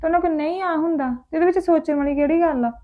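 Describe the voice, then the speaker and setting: Woman, quick high voice, reassuring, tinny phone-like sound. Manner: reassuring, persuasive. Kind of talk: village drama acting.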